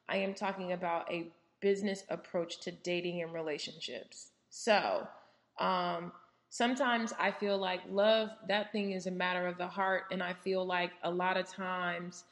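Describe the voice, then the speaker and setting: A woman's voice: lowish voice, fairly even intonation, normal speed, fairly bright tone. A woman, hosting a solo podcast in a candid, chatty way with many fillers and asides. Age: 30s. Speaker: podcast host. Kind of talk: casual solo podcast monologue. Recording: roomy echo.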